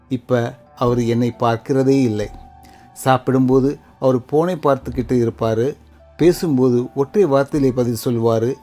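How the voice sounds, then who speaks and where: A man reading a sad first-person story as scripted narration, slow and sorrowful in short measured phrases. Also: mid-range voice, mellow.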